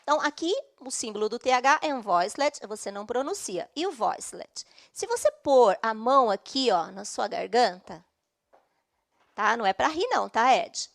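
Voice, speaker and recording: Brazilian woman teacher, fairly high voice. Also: lively intonation, moderate pace, creaky. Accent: Brazilian Portuguese. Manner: patient, explaining step by step with frequent check-ins. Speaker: English teacher. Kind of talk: online class teaching.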